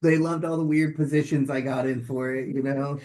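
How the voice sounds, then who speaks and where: A man's voice: medium pitch, moderate pace. A man, a real estate agent, chiming in casually during a training session, rambling with lots of "like" and "you know". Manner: relaxed, rambling, filler-heavy.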